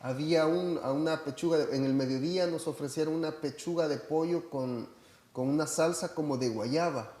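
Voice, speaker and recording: A Salvadoran church member chats casually about a church trip, hesitant and full of fillers and restarts. His fairly high voice is mellow at a moderate pace, with a roomy sound.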